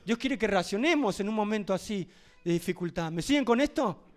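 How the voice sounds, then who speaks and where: Guy preaching a sermon, pretty high voice, gets loud then goes soft, keeps asking the church stuff. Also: animated, brisk. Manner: impassioned, swinging between loud emphasis and hushed asides; addresses the congregation directly with rhetorical questions.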